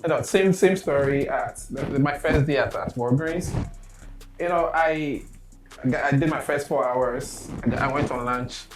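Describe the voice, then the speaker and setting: A man telling a lively story in a casual group chat, laughing often as he talks. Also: mid-range voice, unhurried, over music.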